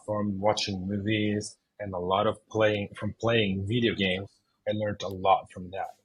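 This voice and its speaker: A man from Chile in his thirties, a video game designer answering interview questions in English, pausing often with fillers and restarts. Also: mid-range voice, husky, poor audio. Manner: hesitant, many fillers and restarts.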